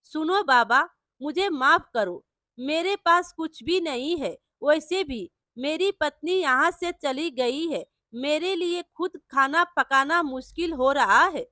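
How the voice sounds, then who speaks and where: A woman voicing a gruff, short-tempered village trader in a storybook tale, harsh and scolding. The voice stays high and bright, close and dry. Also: animated, takes it slowly, no room sound, full character voice. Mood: pleading.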